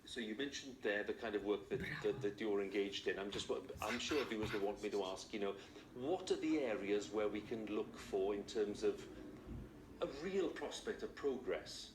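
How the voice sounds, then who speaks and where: A man's voice: on the low side, normal speed. A man presenting a live news interview, asking wordy questions with hesitations and repeated phrases. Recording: roomy echo, background ambient noise.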